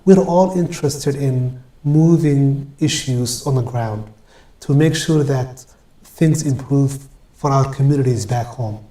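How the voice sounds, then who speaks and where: Soft-toned man from Ethiopia. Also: mid-range voice. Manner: measured, many pauses and fillers. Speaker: guest. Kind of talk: interview answers. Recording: roomy echo.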